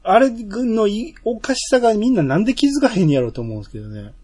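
A man's voice: high voice, quick pace, breathy edge, dry recording. A man co-hosting a podcast in casual, teasing banter. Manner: relaxed, teasing banter with frequent laughs. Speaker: podcast co-host. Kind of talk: casual chat.

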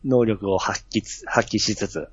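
Male podcast co-host, agreeable and easygoing, husky, slightly dull sound. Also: fairly low pitch, steady tone, normal speed, no echo. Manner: easygoing, agreeable with many short replies. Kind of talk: casual chat.

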